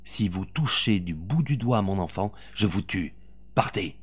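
A man's voice: deep voice, expressive, measured pace, husky, exaggerated voice. A man reading an audiobook, voicing a fierce, protective mother with commanding force.

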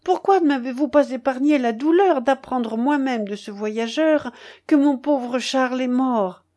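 A woman's voice: sits high, measured pace, darkish tone, voice pushed up. A woman voicing a poor, worn-out old mother in an audiobook, speaking in a pleading, emotional, raised voice. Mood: anguished. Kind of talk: audiobook character reading.

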